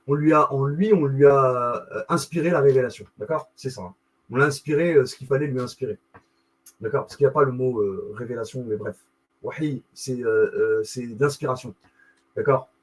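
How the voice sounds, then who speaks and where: A man with a mid-range voice hosts a live video, reading a text aloud and commenting on it with wry asides. His talk is full of fillers, restarts and self-corrections, and the recording is rough.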